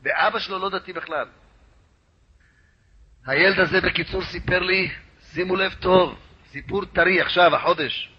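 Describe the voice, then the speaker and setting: A man's voice: high-pitched, pauses often, husky. A man, a rabbi, telling a story as a sermon in a dramatic, repetitive way. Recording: lo-fi radio recording.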